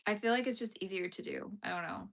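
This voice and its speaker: A young woman speaks quickly in a mid-range, fairly bright voice while crocheting and chatting casually on a live stream. She reads her chat aloud, laughs a lot, and uses many fillers, with her phone streaming vertically.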